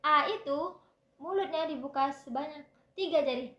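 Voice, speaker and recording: Young female student presenter, high voice, explains and demonstrates aloud, roomy echo. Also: normal speed, fairly bright tone. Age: young adult. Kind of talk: classroom presentation on public speaking.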